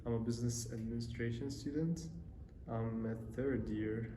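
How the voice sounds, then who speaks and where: Young Syrian man, flat roomy voice. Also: medium pitch, slight background noise. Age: young adult. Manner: relaxed, hesitant with fillers and pauses. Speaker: interview guest, university student. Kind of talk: casual interview answers. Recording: roomy echo, faint ambience.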